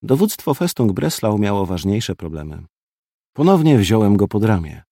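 A man narrating a first-person audiobook in a terse, gruff manner. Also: fairly low pitch, very animated, moderate pace, dark tone, dry recording, studio quality.

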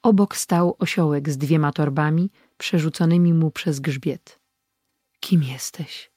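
An audiobook narrator reads a story in a measured, even way. The voice sits at a middle pitch, neither high nor low. The recording is dry and close, with no room echo. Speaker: audiobook reader. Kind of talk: scripted narration.

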